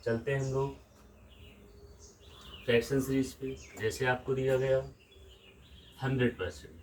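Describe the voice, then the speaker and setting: A man's voice: medium pitch, fairly even intonation, unhurried, distant mic, slight background noise, rough recording. A man with a Lucknow Hindi accent teaching a maths lesson from a room in a village, explaining step by step and asking questions back to the class.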